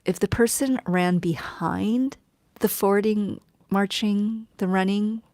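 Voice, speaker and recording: A woman chatting casually on her live stream, tired and rambling, often dropping to a soft whisper as she talks to viewers. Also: medium pitch, steady tone, slow, no room sound.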